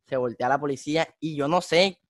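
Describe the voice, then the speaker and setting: Animated slangy coastal podcaster. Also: male voice, on the high side, a little fast, no echo, clean studio sound. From Colombia. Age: young adult. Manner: slangy, animated, acts out voices in his stories. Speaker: podcast host. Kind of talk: casual podcast storytelling.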